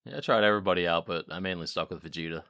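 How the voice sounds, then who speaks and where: A man with a lowish, bright, forceful voice cracks jokes and laughs easily. He co-hosts a casual gaming podcast. The recording is dry and close. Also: clear, resonant tone, no echo. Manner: joking, quick to laugh. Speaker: podcast co-host.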